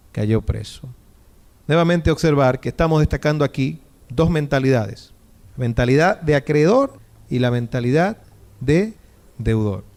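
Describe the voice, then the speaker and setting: A man's voice: mid-range voice, creaky, darkish tone. A man preaching a sermon as pastor, retelling a parable dramatically and asking the congregation rhetorical questions.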